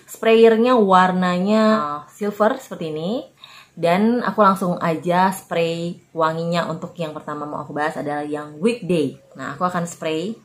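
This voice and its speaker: A woman's voice: lowish voice, moderate pace. A young woman hosting a casual perfume review vlog, talking in a chatty, informal way with many fillers. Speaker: perfume reviewer, channel host.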